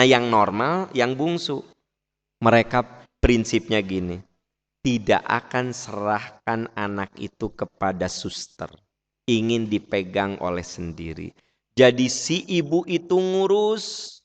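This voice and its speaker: A middle-aged man with a Sundanese accent preaching a sermon, telling stories lively and climbing high for emphasis. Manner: lively storytelling, rising sharply for emphasis. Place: large mosque. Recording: long reverb in a mosque hall.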